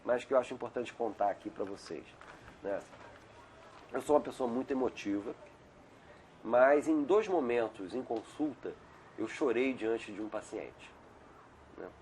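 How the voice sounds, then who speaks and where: A man's voice: mid-range voice, expressive, measured pace, pauses often, darkish tone, slight background noise. A middle-aged male doctor talking as an interview guest in a casual, digressive way, often tagging "né?". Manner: chatty, digressive, frequent "né?" tags. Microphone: video call.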